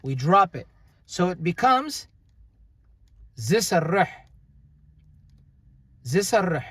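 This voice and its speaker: A man's voice: high voice, sing-song, fairly bright tone, slightly rough, no echo. A young man teaching a casual grammar lesson, explaining unhurriedly with frequent fillers and restarts. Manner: unhurried, halting, with many fillers. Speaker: language teacher.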